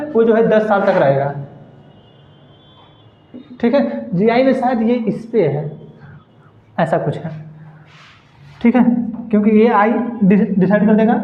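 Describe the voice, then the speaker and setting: Man, teacher, patient explainer, checks in often, echoey room, thin phone-like sound. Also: high-pitched. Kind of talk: classroom geography lesson. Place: classroom.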